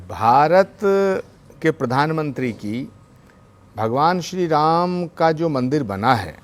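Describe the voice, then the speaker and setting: A man speaking as a spiritual leader on a TV debate panel, measured and formal with devotional phrasing. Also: mid-range voice. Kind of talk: TV debate argument. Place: TV studio.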